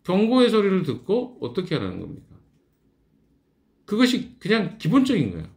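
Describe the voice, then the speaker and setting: A man's voice: high-pitched, huge pitch swings, fairly quick, vocal fry, a little mellow. A middle-aged male pastor leading a morning devotional Bible study, talking conversationally and answering his own questions.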